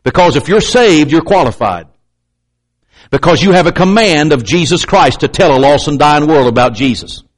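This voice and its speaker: A man preaches a sermon with an animated voice at normal speed, using emphatic, repetitive pulpit delivery and pointed asides to the congregation. He has a slight stutter, clamping up and catching on words now and then, and acts out doubters in a raised pitch.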